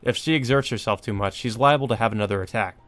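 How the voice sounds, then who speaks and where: A man with a lowish, slightly bright voice talks fast as he reads visual novel narration, dropping casual asides and occasional swears. He's a let's play host, and game music plays underneath.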